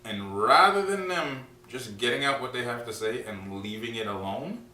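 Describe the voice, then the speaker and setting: A man co-hosting a casual podcast, talking bluntly and with lots of swearing, getting louder as he rants. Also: mid-range voice, normal speed. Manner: blunt, profane, heats up when ranting. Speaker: podcast co-host. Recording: echoey room, mic at a distance, faint hum.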